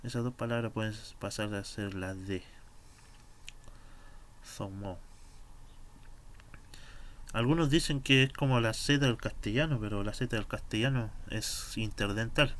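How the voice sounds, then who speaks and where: A man's voice: mid-range voice, fairly bright tone, slight background noise. A man teaching a language class, explaining sounds patiently and drawing out words for practice. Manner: slow, patient explanations with drawn-out pronunciation drills.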